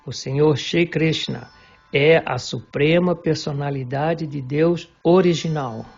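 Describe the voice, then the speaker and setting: A man giving a measured, deliberate reading of a devotional religious text. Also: on the high side, gravelly, a little mellow, husky. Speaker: reader of a devotional book. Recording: dull lo-fi recording with faint background music.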